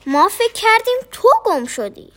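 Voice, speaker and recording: A tiny, jittery young donkey from a storybook squeaks and stammers, its voice leaping very high and swooping all over, as a woman puts it on. Its words tumble out loud and excited, childlike and easily scared. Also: full character voice. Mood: pleading.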